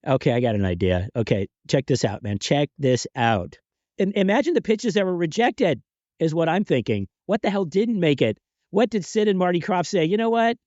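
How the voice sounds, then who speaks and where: A man hosting a podcast in casual chat, excitable and rambling, laughing between thoughts, on a home podcast mic. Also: on the high side, moderate pace, no echo, muffled recording. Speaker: podcast host.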